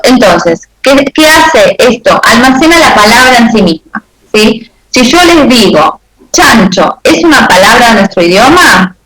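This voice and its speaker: Una profesora con acento argentino da una clase y a cada rato verifica con "¿sí?" que sus alumnos entiendan. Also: female voice, fairly high pitch, a bit bright, reverberant, poor audio. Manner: checks understanding with frequent "¿sí?". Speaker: teacher. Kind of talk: class lecture with questions to students.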